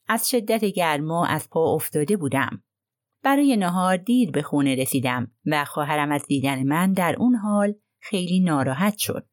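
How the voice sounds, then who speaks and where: A woman's voice: low-pitched, no echo, studio quality. A woman voicing a prim, self-righteous older housekeeper who complains indignantly, in an audiobook.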